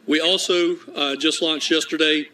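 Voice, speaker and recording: Higher-voiced man, even-toned emergency briefing. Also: moderate pace, a little hiss or hum, poor audio. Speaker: state emergency management official. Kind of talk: press briefing update.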